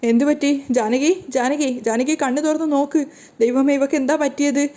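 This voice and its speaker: A woman's voice: high-pitched, fairly even intonation, moderate pace, dark tone, lightly acted. A woman voicing a worried elderly grandmother asking anxious questions.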